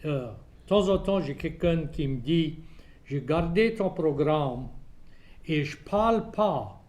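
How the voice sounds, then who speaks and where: Older male host, Cajun French accent, folksy, unhurried delivery, slightly higher-pitched voice. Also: lively intonation, darkish tone. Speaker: programme host, interviewer. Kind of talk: casual interview in French.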